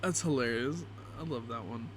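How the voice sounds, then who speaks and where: A man's voice: medium pitch, normal speed, a little hiss or hum. A young man reading aloud casually and gleefully, with crude, amused reactions, as a YouTube creator would. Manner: crude, joking, swearing.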